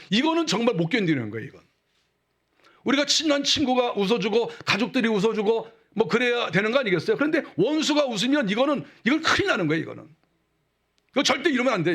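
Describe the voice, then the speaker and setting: A male pastor with a high, light voice gives a sermon in a casual, talky manner. He often drops his voice low and soft to mimic people scoffing. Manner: conversational, acts out mocking quotes in a lower voice.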